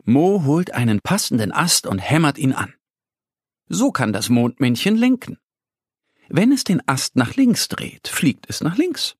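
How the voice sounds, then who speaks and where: A male narrator reads a children's story slowly, with a gentle manner. His pitch moves in wide, lively swings. A slightly husky tone comes through a dry, close studio mic. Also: no echo.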